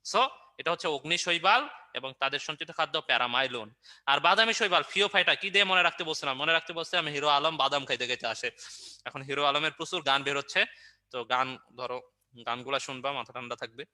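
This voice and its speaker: A man's voice: fairly high pitch, fairly quick, sharp tone. A man teaching an online review class, quizzing students and answering his own questions with playful memory tricks. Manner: playful and joking.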